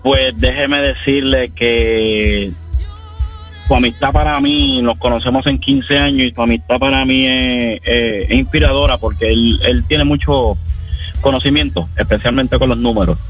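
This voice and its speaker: A man's voice: medium pitch, fairly even intonation, measured pace, a bit bright. Man from Puerto Rico, radio caller, earnest, devout, hesitant fillers, faint music behind. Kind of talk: call-in radio conversation.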